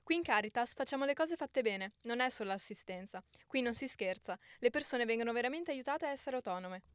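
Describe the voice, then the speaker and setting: A woman's voice: on the high side, expressive, a little fast, a bit bright, clean tone, no echo, clean studio sound. A woman voicing Sara, a welcoming young woman, in an audiobook story.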